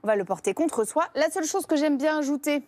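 A woman's voice: high-pitched, expressive, fast talker, darkish tone, dry recording. A woman demonstrating babywearing coats on a TV set, chatty and playful. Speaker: babywearing expert presenting products. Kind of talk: TV product demonstration. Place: TV studio set.

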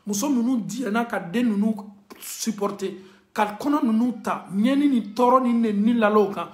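A man's voice: extremely high pitch, unhurried, roomy sound. A male imam giving an emphatic sermon that switches between French and Bambara.

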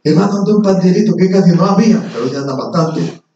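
A male pastor preaching a sermon in an animated way, calling his listeners "brother" again and again. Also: sits high, fast talker, slight background noise. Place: church service before a congregation. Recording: echoey church hall, mic far off, dull lo-fi sound, congregation audible.

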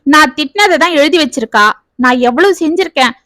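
A woman's voice: high-pitched, fairly quick, pushed and bright, no room sound. A woman voicing an angry middle-aged husband and father who rants and scolds in a raised voice, read as a storybook. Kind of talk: storybook reading.

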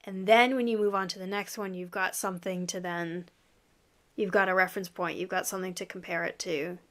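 Her voice is lowish, steady, fairly quick and fairly bright. She is an American-accented herbalist in her thirties living in Yorkshire, UK, appearing as a guest in a casual interview over video call from her home office, where a framed flower print hangs. Chatty, she laughs a lot and gestures as she talks.

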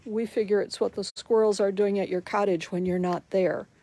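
A woman's voice: mid-range voice, fairly even intonation, mellow, no echo. A woman giving a chatty walking tour of a large quilt shop, recorded on a handheld phone. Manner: slow, chatty, promotional.

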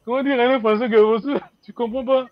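A man teaching a language class, explaining slowly and hesitantly, repeating words and chuckling often. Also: very high-pitched, fairly even intonation, lo-fi sound, slight background noise.

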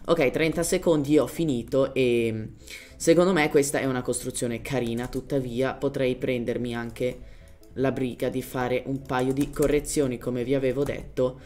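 A man's voice: mid-range voice, fairly even intonation, moderate pace, darkish tone, faint music behind. Man giving casual game tutorial commentary. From Germany. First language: German. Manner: informal, searches for words in Italian, drops in English terms. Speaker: gaming tutorial host.

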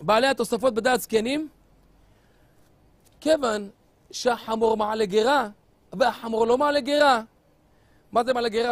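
A man preaching with animated, theatrical storytelling and addressing his audience directly. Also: extremely high pitch, no echo. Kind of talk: storytelling sermon.

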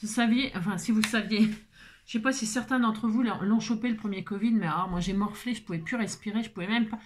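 A woman's voice: mid-range voice, quick pace. Breathless chatty woman crafter. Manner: chatty, full of fillers and repetitions. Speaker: crafting tutorial host. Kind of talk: casual crafting tutorial.

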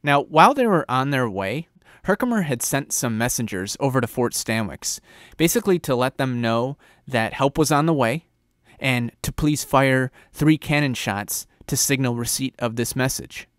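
A man's voice: mid-range voice, animated, moderate pace, no room sound, studio quality. A man hosting a history channel, narrating a battle in a casual, conversational storytelling way.

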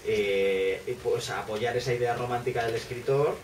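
A man's voice: medium pitch, moderate pace. A man, speaking on a bookshop author panel, rambling with many fillers and restarts. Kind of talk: casual panel discussion. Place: bookshop café, seated at a table. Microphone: far camera. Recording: echoey room, distant mic, noise.

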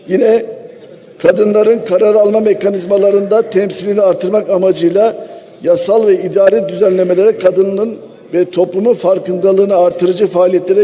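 Guy at the rostrum mic in parliament, highish voice, big hall reverb, formal speech-making. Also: warm tone. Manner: formal and declamatory, listing achievements. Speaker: member of parliament giving a speech. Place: at the speaker's rostrum in a parliament chamber. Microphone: rostrum microphone. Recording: long reverb of a large hall.

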